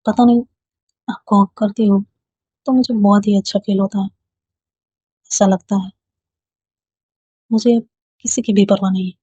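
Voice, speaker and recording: A woman voicing a gentle, shy young woman in love, speaking softly and pleading, in a storybook reading. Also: mid-range voice, steady tone, moderate pace, pauses often, breathy edge, dry recording, dull audio, natural voice. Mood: affectionate. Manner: soft, pleading. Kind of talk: storybook dialogue read aloud.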